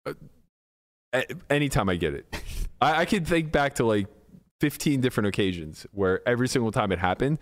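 A man's voice: mid-range voice, animated, brisk. A man talking candidly in a casual podcast chat, rambling a little with fillers and restarts.

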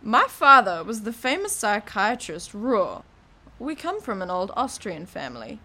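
A woman's voice: medium pitch, very animated, measured pace, bright, forceful tone, full character voice. A woman reading the part of a snobbish, proud, senile old woman in an audiobook, with a scornful, boastful manner. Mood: haughty, scornful.

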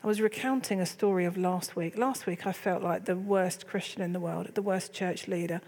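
A woman's voice: lowish voice, steady tone, moderate pace, darkish tone. Woman, middle-aged church leader, chatty and candid, host of a casual faith talk.

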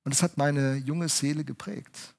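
A man preaching a sermon, speaking straight to his congregation, swinging between loud urging and hushed, soft phrases. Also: on the high side, fairly even intonation, measured pace, creaky.

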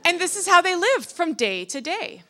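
A woman telling a children's story to a congregation, animated and inviting listeners to join in. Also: extremely high pitch, normal speed, some chatter behind.

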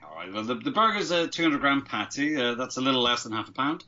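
A man's voice: mid-range voice, very animated, fast, bright, forceful tone, lo-fi sound. A man from Northern Ireland, a brewmaster, explaining his beer and food in a friendly, matter-of-fact way. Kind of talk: casual chat.

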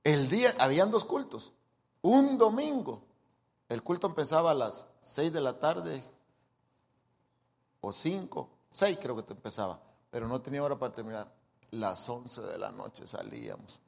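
A man's voice: medium pitch, normal speed, vocal fry, slightly rough. A middle-aged man preaching a humorous sermon, joking and acting out the people he quotes. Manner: jokey, animated, acts out quoted people. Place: church hall. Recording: long church-hall reverb.

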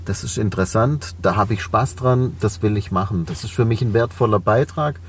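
A cleaning company owner in his forties, speaking with a Swabian German accent, gives a reflective podcast interview peppered with fillers. His fairly quick delivery comes in a lowish voice, recorded on a distant mic with some background noise.

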